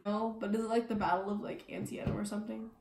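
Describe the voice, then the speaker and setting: A woman's voice: mid-range voice, level tone, fast, gravelly, a little mellow, slight background noise, lightly acted. A teenage girl playing a sassy student who questions her teacher, in an amateur school skit. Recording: echoey room.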